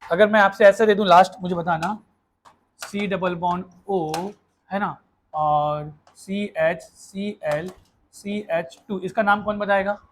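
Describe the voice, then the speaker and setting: Male chemistry teacher, classroom lecture; brisk, coaxing, quizzes the class, mixes in English terms. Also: high-pitched, steady tone, a little hiss or hum.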